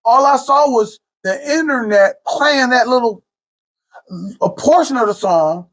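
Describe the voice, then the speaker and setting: A man's voice: extremely high pitch, animated, measured pace, fairly bright tone. A man from Cleveland co-hosting a podcast, talking loosely and animatedly with many restarts and asides. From Cleveland, Ohio. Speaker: podcast co-host. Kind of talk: casual chat.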